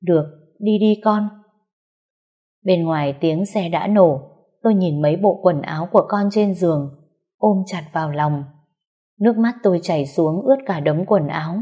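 A woman telling a sad first-person story with a sorrowful, tender delivery. Her voice sits low and sounds warm and mellow, steady through the reading. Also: moderate pace, slightly rough, dull audio. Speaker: narrator.

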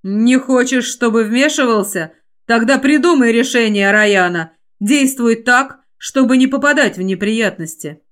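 A woman voicing a wounded, stubborn young man in an audiobook, speaking in quiet, firm, clipped replies. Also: fairly high pitch, a little slow. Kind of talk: audiobook character voice.

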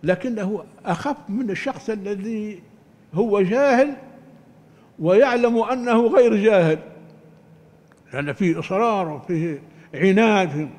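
An older man teaching Quran commentary in a deliberate, emphatic lecture style, often restarting his words. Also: sits high, a little mellow. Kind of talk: religious lecture. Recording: long hall reverb.

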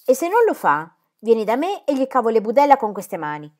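A woman reading the part of a greedy, threatening male mine overseer in a storybook, speaking loudly and bullying. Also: fairly high pitch, very animated, fairly quick, voice pushed up. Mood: menacing. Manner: loud and bullying.

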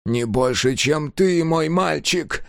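A man voicing a manic, fanatical little male engineer in a shrill, frantic voice. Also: takes it slowly, vocal fry, dry recording, clean studio sound.

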